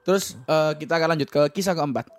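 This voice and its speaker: A man's voice: on the high side, lively intonation, soft background music. A man with an East Javanese accent telling horror stories on a podcast in slangy casual banter. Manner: tells horror tales in rapid slangy banter. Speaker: podcast co-host. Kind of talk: casual storytelling chat.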